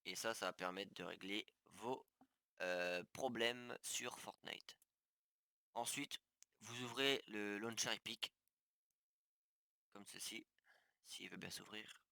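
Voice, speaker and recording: A man in a casual screen-recorded tutorial, pausing and restarting as he clicks through menus. His voice sits low but sounds bright and forceful. The recording is dry and close, with no room sound. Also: gravelly, no echo. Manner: hesitant, many fillers and restarts; talks viewers through steps on screen. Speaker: gaming tutorial youtuber.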